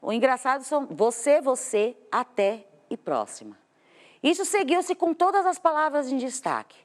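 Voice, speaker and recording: A woman's voice: sits high, big pitch swings, moderate pace. A Brazilian Portuguese-accented woman teaching a class from a TV studio, explaining step by step and asking the students questions. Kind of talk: televised classroom lesson. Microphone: studio microphone.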